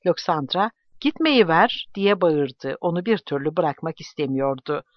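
A man narrating an audiobook in a steady, measured reading voice. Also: on the high side, dry recording. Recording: dull lo-fi, dry recording.

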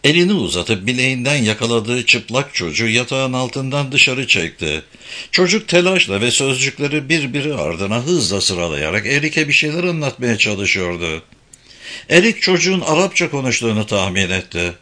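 Guy narrating an audiobook, bright voice, super animated pitch. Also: moderate pace. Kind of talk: scripted narration.

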